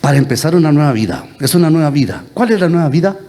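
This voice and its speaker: A Guatemalan priest preaches with a voice that rises and falls all the time and sits a bit high for a man. He keeps teasing his listeners and firing the same question at them until they answer. A faint noise hangs in the church behind him. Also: expressive, fast talker, dark tone. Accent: Guatemalan Spanish. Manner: teasing, quizzes the congregation with repeated questions. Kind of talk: lively interactive homily.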